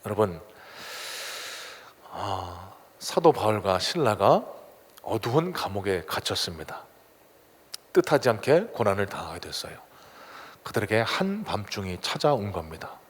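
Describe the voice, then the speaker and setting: A male pastor preaching a dramatic sermon in a church, swinging between loud exhortation and hushed tones. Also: fairly low pitch, very animated, unhurried, pauses often, husky. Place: church sanctuary. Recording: long church hall reverb.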